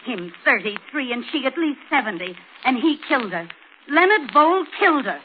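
High-voiced, distraught housemaid. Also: female voice, very animated, moderate pace. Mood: bitter, accusing. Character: distraught, bitter housemaid, accusing and devoted. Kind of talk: 1940s radio acting. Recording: tinny old radio, faint noise.

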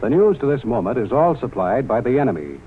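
A man reading a formal wartime radio news bulletin in a measured announcer delivery, with the sound of an old newsreel broadcast. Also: mid-range voice, sing-song, slight background noise. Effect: old newsreel-style radio broadcast sound. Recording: tinny, narrow-band 1940s radio broadcast.

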